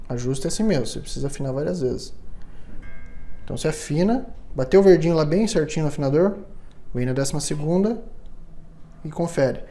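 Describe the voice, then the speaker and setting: A man working as a luthier instructor gives a hands-on workshop demonstration, patiently explaining instrument setup step by step and checking in with the listener as he goes. His voice is slightly raised and a little high, with a mellow, warm quality.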